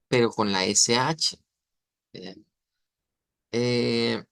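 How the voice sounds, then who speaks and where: Here a man walks through German pronunciation step by step, slowly sounding out each word. He speaks at a medium pitch with a gravelly, fairly bright quality, and there's no echo.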